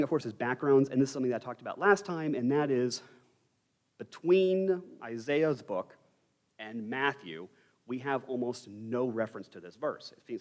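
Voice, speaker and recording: A young man teaching an informal Bible study lecture in a church, candid and conversational with wry asides. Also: medium pitch.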